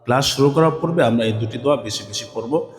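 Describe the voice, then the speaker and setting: A male Quran teacher drilling Arabic letters and vowel marks in a slow call-and-response lesson, asking questions and answering them himself. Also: medium pitch, echoey room, in a large hall. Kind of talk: online Quran alphabet lesson.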